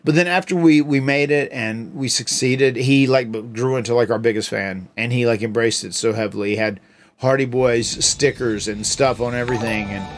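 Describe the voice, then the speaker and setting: A man's voice: medium pitch, fairly even intonation, normal speed. A middle-aged man co-hosting a livestream, talking casually and rambling with fillers and restarts. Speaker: retired pro wrestler, co-host.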